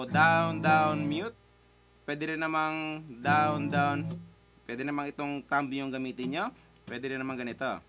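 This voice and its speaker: Chatty man teaching guitar over his strumming. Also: fairly high pitch. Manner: chatty, repeats "guys" and "okay", counts strums aloud. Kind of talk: casual guitar lesson. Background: his own guitar playing.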